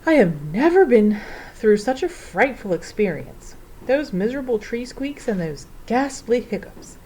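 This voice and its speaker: A woman voicing a fussy, flustered old male professor in a storybook reading, with excitable old-fashioned exclamations. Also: medium pitch, moderate pace, slight background noise, close to an everyday voice, poor audio.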